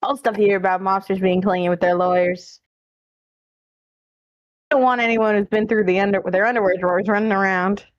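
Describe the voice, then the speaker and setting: A woman's voice: mid-range voice, no echo, highs cut off, lightly acted. Woman acting a smug, wisecracking lawyer to the rich. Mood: cool, dismissive. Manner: wry, flippant, wisecracking. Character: smug, worldly female lawyer to the rich and infamous. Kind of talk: fan dub character acting.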